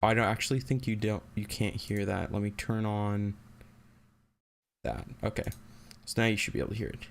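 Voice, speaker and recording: In a casual, unscripted software tutorial, a man thinks aloud as he works, speaking haltingly in a lowish, creaky voice.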